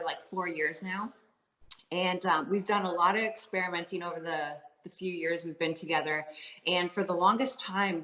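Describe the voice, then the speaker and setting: A woman's voice: fairly low pitch, bright, forceful tone, roomy sound. A young woman with a Canadian accent, chatting casually as an interview guest, full of likes and ums. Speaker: guest athlete.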